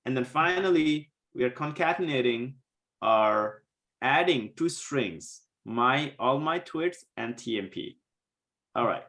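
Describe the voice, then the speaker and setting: A man teaching a live coding class, patiently walking students through code step by step, a bit hoarse as he loses his voice. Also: medium pitch, expressive, slow pace, a bit bright. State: losing his voice, coughing. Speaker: coding instructor.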